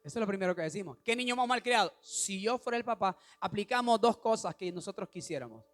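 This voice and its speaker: A male pastor preaches with a strikingly high voice, asking his congregation questions and building up to shouted lines. Faint music plays behind him. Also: animated, fast talker. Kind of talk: sermon.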